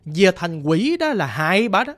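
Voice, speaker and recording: A woman's voice: on the low side, big pitch swings, normal speed. A woman with a Southern Vietnamese accent voicing the vengeful ghost of a young woman in a storytelling narration, talking in a plaintive, rambling way. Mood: bitter. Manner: plaintive, rambling, repeating herself.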